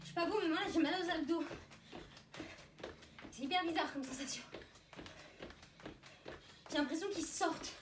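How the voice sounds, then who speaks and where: Leading a live circuit workout, this woman instructor gives countdowns and brief, encouraging commands in a high voice at a moderate pace, leaving long pauses. The sound is echoey and noisy, with the mic placed far away.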